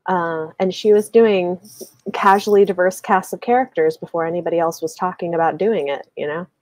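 A book channel host in her thirties talks fairly quickly in a steady, darkish voice on the low side, chatting casually about books over a live video call. Earbuds capture her with no room sound in a small room with bookshelves, and she hedges frequently, saying "like" a lot.

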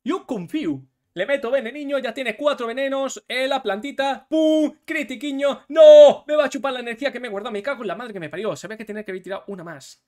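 A man, commentating his own match live as a gaming streamer, excitable and swearing, going from low mutters to shouts. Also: quick pace, hardly any pauses.

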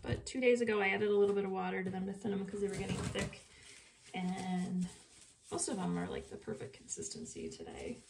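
A woman's voice: mid-range voice, lively intonation, a little fast, vocal fry, noisy background. A woman casually talking through a painting demonstration, chatting and muttering asides to herself as she works. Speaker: art video creator.

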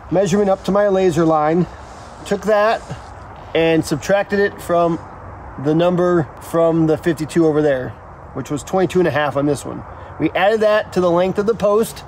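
This builder and video co-host, a middle-aged man, has a high, darkish voice at normal speed. He explains building steps in a relaxed way, bantering and joking in slang. The recording picks up the noisy outdoor site around him.

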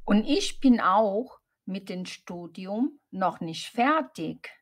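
A woman doing a slow-talking young student. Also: medium pitch, very animated. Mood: plain. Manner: plain, careful storytelling answers. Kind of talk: slow scripted dialogue for learners.

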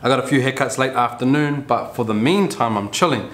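With a medium-pitched, slightly bright voice and a fairly quick pace, a man in his 30s vlogs about barbering to camera, relaxed and slangy, frequently repeating himself. He's in a small, bare barbershop room, recorded by a camera mic nearby or at arm's length, and clear background noise and room ambience come through.

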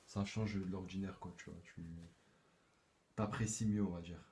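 Low quiet guy off camera, calm, faint background noise. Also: moderate pace. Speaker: friend off camera.

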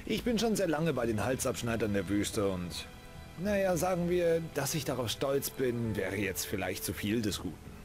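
A man's voice: mid-range voice, very animated, normal speed, music in the background, close to an everyday voice. An actor voicing a curious, wry male desert outlaw in a video game, talking in an easygoing, teasing way.

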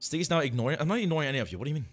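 This livestream host talks very fast in a voice on the high side, with faint music behind him. He greets his viewers in an excitable, jokey way and repeats himself a lot.

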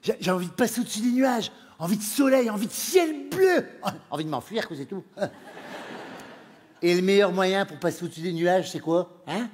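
A man from northern France with a northern French accent doing stand-up comedy in a camp, animated way, often laughing as he talks. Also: high-pitched, moderate pace, breathy edge. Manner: camp, animated, laughing through his lines. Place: theatre stage. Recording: live show with hall reverb and faint noise.

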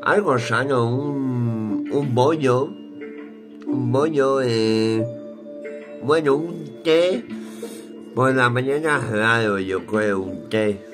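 This vlogger, a man in his thirties, speaks at a medium pitch with a Peninsular Spanish accent while music plays behind him. Sitting in a small, cluttered room at home, he rambles colloquially and unhurriedly, thinking out loud and swearing mildly now and then.

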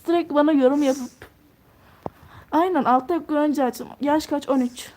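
Teen girl livestreaming, high voice, chatty, answers comments one after another. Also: normal speed, slight background noise. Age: teens. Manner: thinks out loud while touring a game house. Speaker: live streamer. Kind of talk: casual live-stream chat reading comments.

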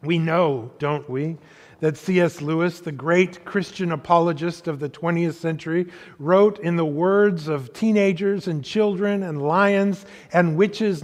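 A man preaching in a church sanctuary, taking his time and pausing between phrases as he tells a story. His voice sits fairly high and trails into a long hall echo. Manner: slow, deliberate, storytelling with pauses. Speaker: pastor. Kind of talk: sermon.

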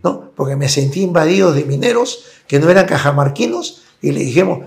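Gravelly man explaining at length. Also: fairly high pitch, animated, fairly quick. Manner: explanatory, tags points with "¿no es cierto?". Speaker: interview guest. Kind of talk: conversational interview.

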